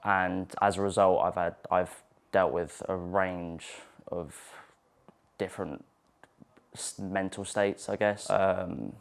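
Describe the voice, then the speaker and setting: A man's voice: sits low, fairly even intonation, takes it slowly, vocal fry. A man in his twenties speaking hesitantly and reflectively in a personal interview. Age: 20s. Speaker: student society welfare rep.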